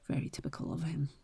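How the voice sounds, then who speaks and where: A woman voices a bold young adventurer in a roleplay audio drama, her tone soft and dark. She sounds teasing and impatient yet caring, with a natural voice captured very dry and close, with no room sound.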